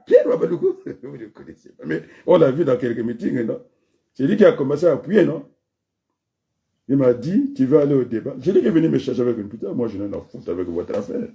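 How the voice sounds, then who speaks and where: A man's voice: medium pitch, vocal fry, mellow, muffled recording. A man from the Republic of the Congo giving a freewheeling spoken address, rambling from one aside to the next with frequent restarts. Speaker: speaker.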